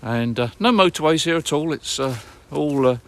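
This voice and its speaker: A British man working as an amateur radio operator and vlogger, talking casually and repeating key details in an unhurried way. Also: fairly high pitch, lively intonation, fairly bright tone, a little hiss or hum. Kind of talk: casual radio contacts and commentary to viewers.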